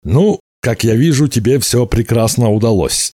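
A man's voice: medium pitch, expressive, normal speed, dark tone, no room sound, studio quality, pitched above the performer's own voice, lightly acted. A man voicing a scheming old male sorcerer in an audiobook, sly and knowing. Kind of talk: audiobook character voice.

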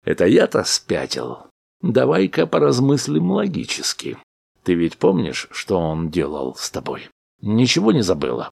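A man's voice: fairly low pitch, huge pitch swings, measured pace, creaky, darkish tone, breathy edge, voice pushed up, exaggerated voice. A man voicing a jealous husband who confronts his wife in a raised, bitter voice. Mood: accusing.

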